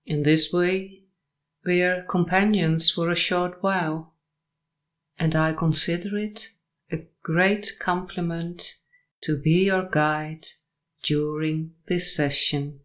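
In this sleep meditation and hypnosis session, a woman speaks in a lowish voice with fairly even intonation. Her phrases are short, measured, and soothing, with long pauses in between.

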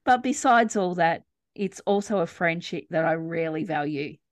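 A woman's voice: on the low side, animated, moderate pace, dry recording, studio quality. A woman co-hosting a podcast, talking earnestly and reflectively about friendship and loss. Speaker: podcast co-host. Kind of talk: casual grief podcast chat.

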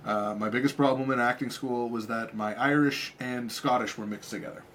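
A man's voice: mid-range voice, steady tone, normal speed, a bit bright, a little hiss or hum. A man co-hosting a casual live stream, chatting and joking in a rambling way with frequent restarts. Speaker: co-host.

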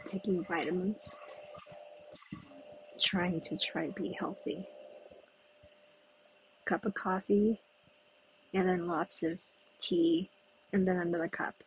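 Recorded roughly with a bit of hiss or hum, a medium-pitched American-raised podcast host chats on their own outside. The breezy setting has passers-by, and the talk meanders with pauses as the host thinks aloud.

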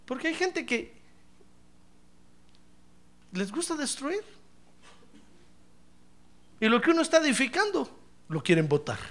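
A middle-aged man preaching a sermon as pastor, telling stories and calling his listener brother, swinging from hushed asides to loud praise. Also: extremely high pitch, measured pace, long pauses. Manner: animated storytelling, addresses listener as brother, swings from hushed to shouting. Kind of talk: sermon with anecdotes.

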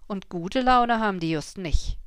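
A woman's voice: mid-range voice, unhurried, clean tone, dry recording, clean studio sound, close to an everyday voice. A woman voicing a level-headed craftsman. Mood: advising. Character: matter-of-fact craftsman, grown man.

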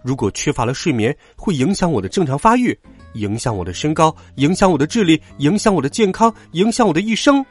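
A cranky, nagging schoolboy in a children's audio story, voiced by a man with a raised pitch. He lectures indignantly with a lively, up-and-down delivery and a husky edge. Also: a little fast, soft background music. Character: grumpy, nagging schoolboy woken at night.

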